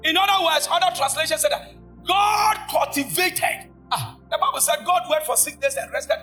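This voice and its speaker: A man preaching in church with a strikingly high, bright and piercing voice. He shouts his points and keeps calling out to the congregation for answers. Faint music plays behind him. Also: normal speed. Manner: shouting, call-and-response preaching. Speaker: pastor. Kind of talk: sermon. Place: church service.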